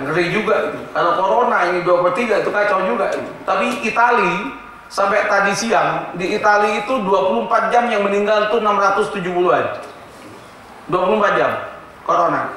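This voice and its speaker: A man preaching a sermon at an Islamic boarding school, telling stories lively and asking rhetorical questions. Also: sits high, a little fast, a little hiss or hum. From East Java, Indonesia. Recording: echoey hall, mic far off.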